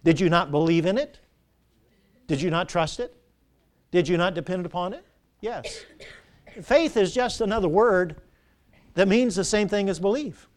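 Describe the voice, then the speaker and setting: A high-voiced, middle-aged man preaches a church sermon at an ordinary pace, pausing often. He repeats key phrases and trades call-and-response questions with the congregation to drive his message home.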